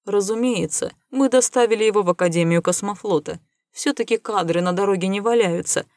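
A woman voicing a scheming, smooth-talking male spacer who lies with easy confidence, in an audiobook reading. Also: medium pitch, brisk, darkish tone, no echo, studio quality, lightly acted. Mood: smooth, persuasive. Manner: confident, lying with easy enthusiasm.

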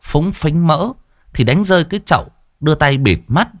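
A man, narrating a ghost story in a lively, colorful way. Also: a little high, normal speed, dry recording, clean studio sound.

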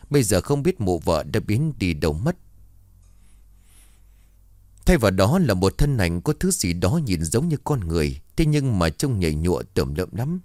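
A male storyteller narrating a horror tale with a low voice. His delivery rises and falls widely, and the sound is dry and close. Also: darkish tone, no echo.

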